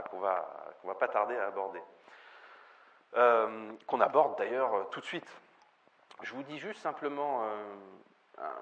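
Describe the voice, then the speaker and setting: A man's voice: mid-range voice, fairly bright tone. A man giving a spoken film lecture, often hesitating with fillers and restarts. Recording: dull lo-fi recording with faint ambient noise.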